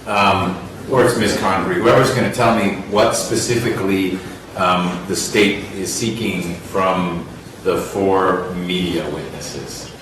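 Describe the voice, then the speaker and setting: A man presiding as judge over a court hearing, speaking in a measured, wry way with halting fillers. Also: low-pitched, fairly even intonation. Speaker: trial judge. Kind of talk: courtroom proceedings. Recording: distant roomy courtroom audio with noise.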